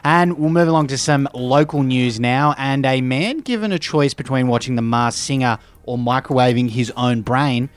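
An Australian man anchoring a mock news bulletin, straight-faced and deadpan. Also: medium pitch, moderate pace, few pauses, clean tone. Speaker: news anchor of satirical show.

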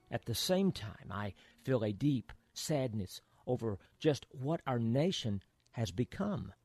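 A man's voice: medium pitch, darkish tone, no room sound. A man hosting a radio program, delivering a scripted patriotic monologue in an earnest, oratorical way. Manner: earnest, oratorical, rhetorical questioning.

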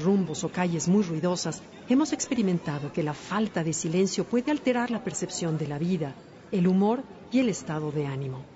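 A woman reading a scripted reflective narration as a host, in a calm, contemplative and measured way. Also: fairly low pitch, in a large hall, highs cut off. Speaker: host of a reflective wellbeing segment.

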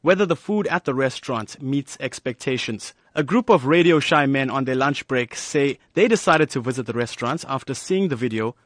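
A male reporter narrates a news feature in a measured, scripted delivery. His pitch is mid-range, and the sound is close and dry, with no room echo at all. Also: animated.

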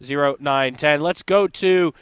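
A man's voice: fairly high pitch, measured pace, a bit bright, smooth, no echo. A man hosting a sports talk radio show, talking in an emphatic, worked-up rant. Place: live broadcast from a restaurant bar.

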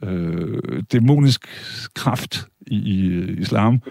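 A man's voice: low-pitched, animated, vocal fry, a little mellow, dry recording, studio quality. A man in a heated debate, blunt and argumentative, swearing casually.

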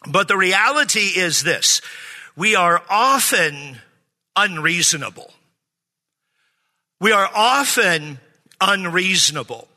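A middle-aged man preaches in a church, his voice high-pitched and very bright. He jokes and asks the congregation for amens. Long reverb from the large hall trails behind his words. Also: lively intonation, takes it slowly, long pauses. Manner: joking, calls for amens from the congregation. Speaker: pastor. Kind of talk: sermon. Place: church sanctuary.

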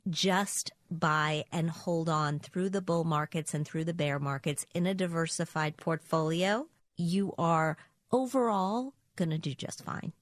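A woman with a somewhat low voice explains money matters in a steady, clear way. She sounds like a personal finance co-host talking things through on a show. The sound is dry and close. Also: unhurried, no room sound. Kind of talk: conversational explanation.

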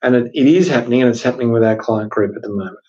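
Male podcast co-host, mid pitch, emphatic explainer, slightly muffled lo-fi sound. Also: very fast, dark tone. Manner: chatty, emphatic, explains with rhetorical questions. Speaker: podcast co-host, workplace lawyer. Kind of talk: casual legal discussion podcast.

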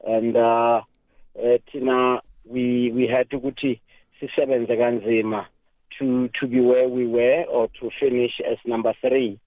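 A South African man speaks as an interviewed coach in a mid-pitched voice. He is measured and hesitant, breaking his answers into short phrases. The line is dry, narrow and phone-like. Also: level tone, no echo. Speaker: football coach being interviewed. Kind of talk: radio interview, mixing two languages.

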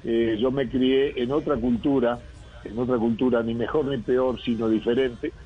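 A man's voice: medium pitch, steady tone, normal speed, slightly rough. A man talks as a football coach in a radio interview. He muses at length, circling back with fillers and restarts, his voice sitting in a middle register. The line sounds dull and lo-fi. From Uruguay. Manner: reflective, rambling with many fillers and restarts.

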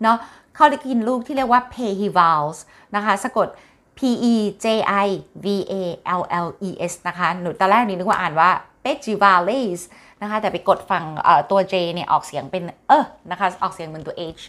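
Speaking at a medium pitch with a fairly bright tone, a woman presents a laid-back health talk. She explains things to viewers in a friendly manner and refers to herself by her nickname.

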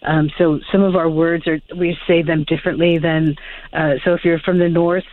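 A woman author joins a radio show as a guest over the phone, hesitant and full of fillers and restarts. Her voice sits low with little pitch movement and a moderate pace, and the telephone line sounds tinny.

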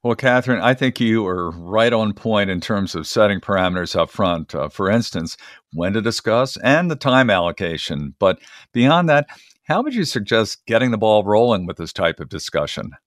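A man's voice: on the low side, expressive, moderate pace, no echo, clean studio sound. A man acting as interviewer, genial and somewhat formal and wordy, in a conversational but prepared-sounding style. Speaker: interviewer, co-host.

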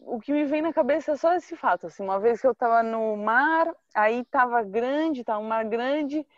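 High-voiced woman recounting. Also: normal speed, dry recording. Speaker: surfer. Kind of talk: casual chat among friends. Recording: dry, dull lo-fi recording.

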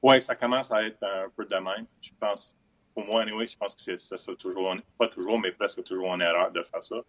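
A man with an accent of his own, a hockey analyst guest joining remotely, halting and repeating words. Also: fairly low pitch, steady tone, a bit bright, no echo. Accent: French with a non-Québécois lilt. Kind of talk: remote interview. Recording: dull remote line.

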